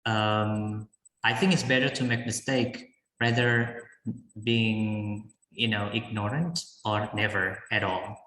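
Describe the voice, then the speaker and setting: An Indonesian man, a guest speaker, answers questions during a live online class Q&A from an echoey room. His voice is fairly low and fairly bright with a level tone. He speaks haltingly, with frequent fillers and restarts.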